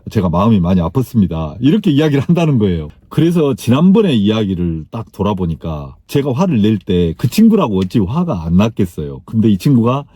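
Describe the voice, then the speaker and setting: A man's voice: on the low side, a little fast, hardly any pauses, husky, no room sound. A middle-aged man telling a workplace story in a talk and acting out the dialogue with energy. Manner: animated, acts out dialogue in his story. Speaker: speaker on workplace life.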